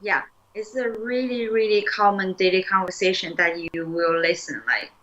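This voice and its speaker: A young Chinese teacher with a mid-range voice runs a relaxed one-on-one language lesson on lo-fi audio. She explains patiently, sprinkling in lots of "like" and "um," and says new words slowly so the learner can copy them.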